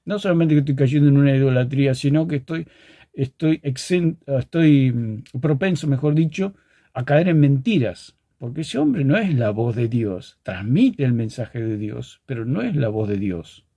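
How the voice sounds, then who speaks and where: A man's voice: mid-range voice, lively intonation, moderate pace, mellow, no room sound. A man preaching a teaching sermon, earnest, restarting and repeating words as he explains with plain everyday examples.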